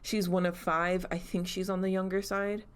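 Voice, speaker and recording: A young woman with a slightly low voice tells a story on a podcast. She talks in a chatty, casual way and breaks into small giggles and asides as she goes. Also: little pitch movement, normal speed, clear, resonant tone. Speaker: podcast co-host telling the story.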